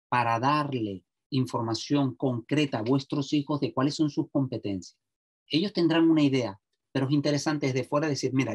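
A middle-aged man leads a workshop for parents. He talks in a lively way and keeps checking that the room is following him. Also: mid-range voice, husky. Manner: lively, checks in often with "¿vale?". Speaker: social educator.

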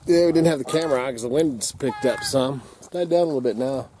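A man's voice: mid-range voice, fast talker, noisy background. A young man from Idaho hosting a casual fishing vlog by a lake, laid-back, laughing and swearing as he talks. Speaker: channel host. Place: outdoors by a lake and in a truck.

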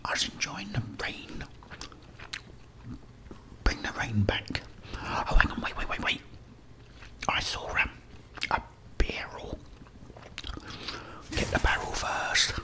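In a small indoor room, a middle-aged British game streamer whispers rambling, apologetic ASMR commentary as he plays. He speaks at a slow pace with long pauses.

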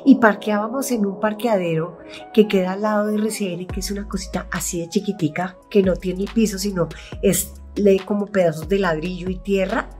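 A woman's voice: mid-range voice, fairly even intonation, a little fast, darkish tone, faint music behind. A middle-aged woman with a Colombian accent, an actress hosting her own video channel, telling rambling behind-the-scenes stories and acting out what she said back then. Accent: Colombian (Bogotá). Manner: rambling, chatty, acts out her own past voice. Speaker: actress and YouTube host. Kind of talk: casual storytelling vlog.

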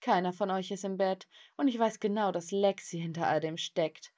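A woman's voice: mid-range voice, normal speed, darkish tone, lightly acted. Bossy snobby mom figure, accusing tone, woman reading her, cartoon story. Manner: accusing, scolding. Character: controlling, snobbish middle-aged mother.

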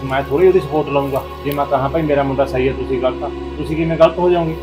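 In a village family drama, an actor plays a middle-aged father-in-law who apologizes over and over and pleads for peace. His medium-pitched voice stays steady but comes out rapid-fire, with music behind it and a natural sound on a low-quality recording.

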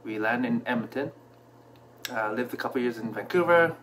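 A man in his thirties who grew up in Canada, telling a personal story to camera from a small room at home, relaxed and reflective, with many fillers. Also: medium pitch, normal speed, a little hiss or hum. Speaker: vlogger. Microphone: camera in front at desk distance.

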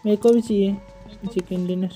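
A woman's voice: medium pitch, steady tone, moderate pace, loud music behind the voice, natural voice. A woman voicing a naive young male noob gamer who is vain about his hair, asking innocent, whiny questions in a comedic gameplay role-play. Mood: excited.

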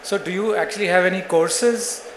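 A man from the audience asking polite, fairly quick questions at a conference. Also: high voice, a bit bright. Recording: echoey room, faint noise.

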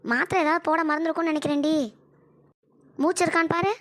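Brief: brash scheming elder daughter-in-law, voiced by a woman, high-pitched and bossy, dry close sound. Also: steady tone, quick pace, fairly bright tone, dry recording. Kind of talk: cartoon voice acting.

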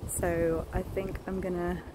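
A nature vlogger in her thirties talks with enthusiasm and lots of fillers while filming a walk across woodland and beach, phone held out at arm's length. Her pitch is fairly low with little movement, and she keeps a measured pace. Outdoor noise, ambience and distant planes fill the recording.

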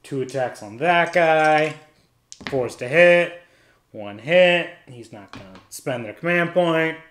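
A man's voice: fairly high pitch, lively intonation, slow pace, fairly bright tone, slight background noise. A man casually narrating a solo tabletop wargame, calling out each dice roll step by step and thinking aloud. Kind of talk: casual play-by-play of dice rolls. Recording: echoey room.

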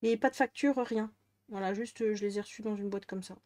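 A woman's voice: mid-range voice, steady tone, fairly quick, a little mellow, no room sound. A woman with a northern French accent, chatting casually in her craft vlog, rambling with many fillers and restarts. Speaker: crafting vlogger. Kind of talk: casual chat.

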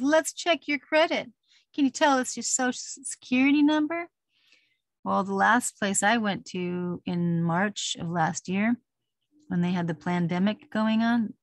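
A woman's voice: lowish voice, dry recording, studio quality. A middle-aged woman talking casually and rambling, laughing now and then. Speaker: vlogger. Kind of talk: casual personal talk.

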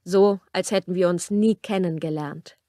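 A woman's voice: fairly low pitch, normal speed, warm tone, dry recording, studio quality, natural voice. A woman reading a romance audiobook aloud and voicing a brooding, harsh young rancher, her delivery tense and clipped. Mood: cold.

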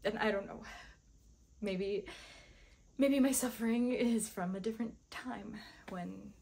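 A young woman acting a dramatic monologue as a melancholy, lovesick woman, halting and wistful, with a slightly husky voice. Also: mid-range voice, darkish tone. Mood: melancholy, self-pitying. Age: young adult. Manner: melancholy, halting and wistful, with nervous laughter breaking through. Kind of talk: dramatic stage monologue performance. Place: small plain room, indoors.

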